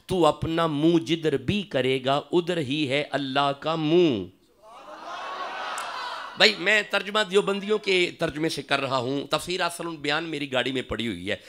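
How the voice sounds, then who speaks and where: A man with a Pakistani accent preaching a fiery sermon to a gathering, calling out questions to the crowd and slowing down to recite verses. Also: medium pitch, pushed and bright, a little hiss or hum. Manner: fiery, calls out to audience for responses, slows for recitation. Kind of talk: religious sermon.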